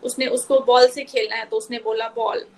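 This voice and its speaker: A woman's voice: on the high side, fairly even intonation, normal speed, poor audio. Patient woman explaining step by step. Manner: patient step-by-step explaining, mixing English terms. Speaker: speech therapist. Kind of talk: live online Q&A talk to parents.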